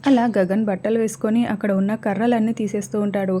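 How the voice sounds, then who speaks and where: A woman narrating a recap of a television serial episode in steady storytelling. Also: mid-range voice, fast talker, a little hiss or hum.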